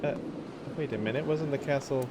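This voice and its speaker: A man's voice: medium pitch, a little fast, heavy background noise. A man giving casual commentary while he plays a video game, chatty and reacting aloud, muttering to himself. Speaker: let's play gamer. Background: game music.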